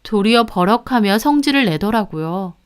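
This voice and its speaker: A woman's voice: mid-range voice, animated, moderate pace, smooth. A woman telling a personal story in first person, in a confiding way. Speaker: story narrator. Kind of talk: storytelling narration.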